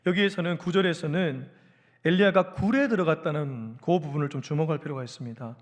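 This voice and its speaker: A man preaching a sermon as a pastor, telling the story in an animated, engaging way. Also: on the high side, fairly quick.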